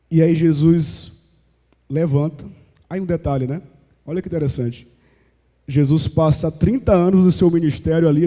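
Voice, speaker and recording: A Brazilian man preaches a sermon in a church, his voice sitting a little high yet very dark and mellow. He keeps asking the room rhetorical questions and slips into quoted prayers. A long hall reverb trails each phrase. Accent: Brazilian Portuguese. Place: church sanctuary, live service.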